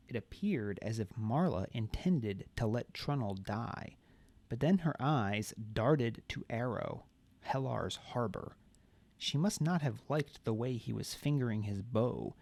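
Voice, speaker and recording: A man reading his own fantasy novel aloud in a measured way. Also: medium pitch, gravelly, darkish tone. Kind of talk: audiobook narration.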